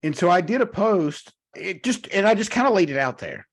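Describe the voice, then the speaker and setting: A man's voice: sits high, very animated, fairly quick, creaky. Candid man hosting a casual podcast. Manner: candid, conversational. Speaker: podcast host.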